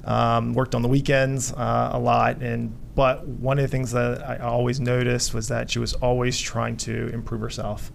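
A man from Vietnam, a company co-founder, answering radio interview questions haltingly with many fillers. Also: mid-range voice, level tone, vocal fry, slight background noise. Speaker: guest, hotel company co-founder.

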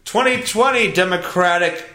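Male podcast host ranting over headlines, foul-mouthed and exasperated, bright edgy voice in a roomy space. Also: high voice, moderate pace. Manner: profane, exasperated, blunt. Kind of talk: ranting solo commentary on news headlines.

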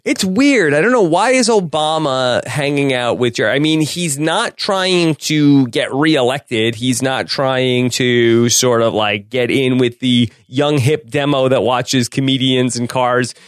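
Male podcast co-host, mid pitch, dry jokey banter, close dry sound. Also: unhurried, few pauses, no echo. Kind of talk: casual podcast chat. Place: home room.

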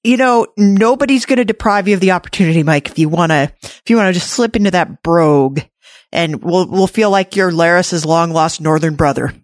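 A woman's voice: fairly low pitch, fairly quick, dry recording, studio quality. Chatty woman podcast host. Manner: chatty, playful, many restarts. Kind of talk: casual recap chat.

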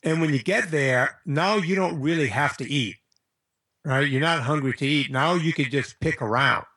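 A man's voice: fairly high pitch, normal speed, sharp tone. An American man talking casually and bluntly as an interview guest, handing out informal advice.

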